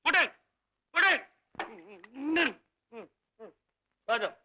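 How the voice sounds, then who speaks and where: A boozy servant wails and grumbles through his drink in a film comedy. His voice sits very high and very bright, and the words come out slurred and whining. He drifts into snatches of song between complaints. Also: sing-song, extremely slow, a little hiss or hum, heavily acted, poor audio. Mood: grumbling. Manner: slurred, wailing drunken comic talk, breaks into song. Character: drunken male estate servant, boozy and whiny.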